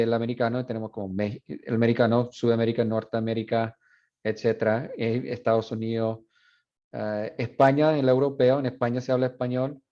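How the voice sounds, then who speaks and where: A man lectures a class in a mellow, darker voice, hesitating often with fillers and slipping between Spanish and English. The recording is dull and lo-fi. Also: mid-range voice. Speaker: university Spanish instructor.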